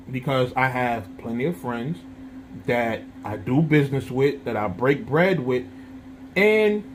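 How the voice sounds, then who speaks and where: A man's voice: fairly high pitch, slight background noise. A man in his thirties talking casually to his viewers, checking in constantly with "you understand?" and using street slang. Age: 30s. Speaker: vlogger and channel host. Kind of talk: casual straight-to-camera monologue.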